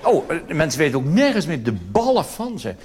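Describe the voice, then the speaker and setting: A man from the Netherlands with a fairly high, slightly mellow voice delivers stand-up-style cabaret in a theatre, his pitch swooping wildly at a fairly quick pace. He wanders conversationally through asides and tag questions. The old live recording is noisy.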